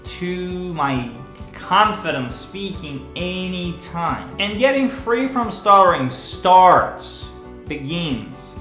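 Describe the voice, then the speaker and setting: Talking straight to camera for his vlog, a speech coach and channel host addresses viewers slowly, deliberately and earnestly, with measured pauses. His voice is high, animated and sharp in tone. The recording has a roomy echo and faint music underneath.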